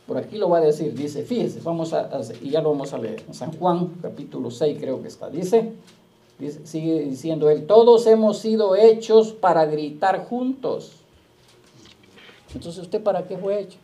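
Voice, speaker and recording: A man pastor preaching a sermon, firing rhetorical questions at the congregation and slowing down to quote scripture. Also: fairly high pitch, dark tone, a little hiss or hum.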